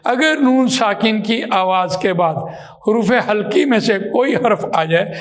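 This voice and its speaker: A man with a high voice teaches how to recite the Quran. He explains things patiently and repeats his points with examples. He draws out vowels and Arabic words slowly to show how they should sound. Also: lively intonation. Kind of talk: slow explanatory lesson.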